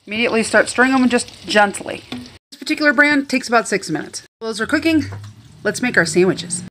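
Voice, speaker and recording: Chatty older woman demonstrating home cooking. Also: on the high side. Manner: chatty, upbeat, step-by-step explaining. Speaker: retired chef cooking host. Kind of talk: casual cooking tutorial. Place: home kitchen, indoors. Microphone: phone held at arm's length.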